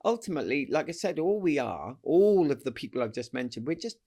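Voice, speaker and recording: A man from the UK, a former athlete, telling lively anecdotes in a casual interview, acting out the voices and laughing often. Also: on the high side, fairly quick. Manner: animated storyteller, acts out voices, laughs often. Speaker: guest athlete.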